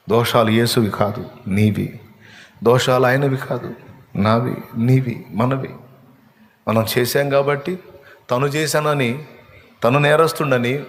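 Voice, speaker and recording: A man preaching a sermon, impassioned, climbing to emotional peaks and then dropping to a soft voice. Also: mid-range voice. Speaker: pastor. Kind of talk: Telugu sermon with told stories. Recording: long hall reverb.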